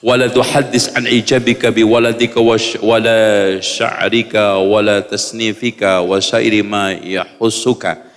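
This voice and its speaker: A man preaching, reading Arabic lines and explaining them in a lively way, acting out little examples with humor. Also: lowish voice, measured pace, in a large hall. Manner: lively, acts out examples, jokes with audience. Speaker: Islamic preacher.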